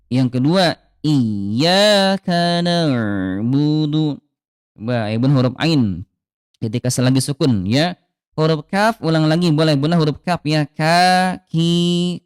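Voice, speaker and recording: A man teaching Quran reading in a live online lesson, patiently repeating Arabic letter sounds slowly as examples. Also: mid-range voice, darkish tone, dry recording, clean studio sound.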